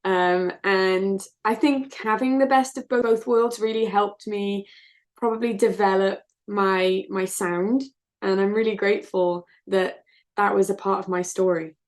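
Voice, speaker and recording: A woman's voice: mid-range voice, fairly even intonation, measured pace. A woman, a singer-songwriter answering interview questions in an earnest, reflective way. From South Wales, UK. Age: 20s. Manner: earnest, open, reflective storytelling.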